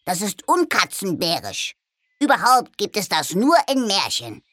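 A woman's voice: mid-range voice, huge pitch swings, measured pace, a bit bright, a little hiss or hum. A woman voicing a cheeky, cocky male cat-bear creature in a storybook reading, with a bossy manner.

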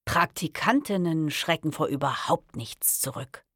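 A woman's voice: low voice, expressive, measured pace, a bit bright, no room sound, clean studio sound, full character voice. A woman voicing a stubborn, pessimistic young woman who talks in a reproachful, blunt way. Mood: grumbling. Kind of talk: audiobook reading.

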